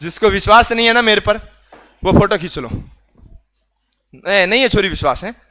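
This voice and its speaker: High, bright-voiced man teaching a class. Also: moderate pace. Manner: teasing, scolds students for not answering. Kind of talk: classroom lecture.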